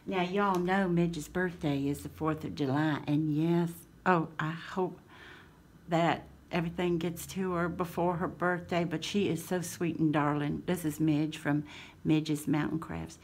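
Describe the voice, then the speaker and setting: Slow-talking woman. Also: low-pitched, steady tone, a little mellow. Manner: folksy and affectionate, slow drawl. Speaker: craft channel host. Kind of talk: casual chat to camera.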